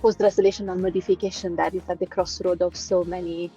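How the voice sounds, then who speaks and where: A woman in her forties from Rome with a light Italian accent, a guest telling her career story in an interview, pausing often with fillers. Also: fairly low pitch, level tone, dark tone, muffled recording, soft background music. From Italy, Rome. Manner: thoughtful, many fillers and pauses. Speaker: guest scientist. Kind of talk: conversational interview.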